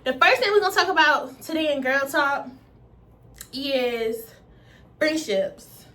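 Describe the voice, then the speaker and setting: A woman in her twenties with a stuffy nose, chatting to camera in fast, slangy talk. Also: high voice, lively intonation, pushed and bright. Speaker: vlogger. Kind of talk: casual chat to camera.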